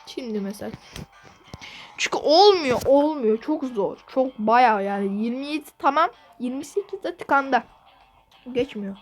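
A woman with a high voice talks through her gameplay for her channel, excitable and given to repeating the same phrase again and again. Faint game music plays underneath. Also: moderate pace. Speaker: gaming channel host. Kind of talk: gameplay commentary.

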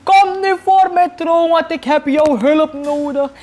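A woman's voice: high voice, unhurried, a little mellow, voice pushed up. A woman voicing a worried, fussy king who pleads and frets. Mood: pleading. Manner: pleading, fretful. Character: worried fussy king, middle-aged man.

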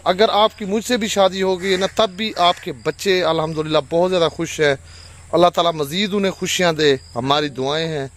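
A man vlogging with his wife, gentle and devout, appealing to his viewers. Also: high-pitched, a little fast. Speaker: vlogger, husband. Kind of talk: casual chat to viewers. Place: outdoors in a village.

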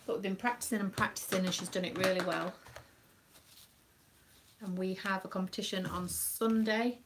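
Gravelly-voiced British mum chatting. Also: female voice, medium pitch, steady tone, moderate pace, background noise. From United Kingdom. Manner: chatty, rambling, with many ums. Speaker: craft live-streamer and dance mum. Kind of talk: casual live-stream chat.

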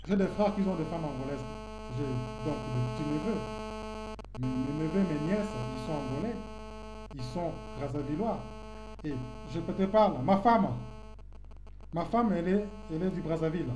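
A man's voice: a little high, normal speed, background noise. A man making his case earnestly in an online debate, repeating phrases for emphasis. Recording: roomy room with clear music behind.

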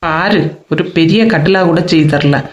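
A woman's voice: low voice, normal speed, muffled recording, natural voice. A woman voicing a cheeky little girl in a cartoon, with a Kanyakumari Tamil accent, bossy, giggly and demanding. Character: cheeky little girl insisting she is big.

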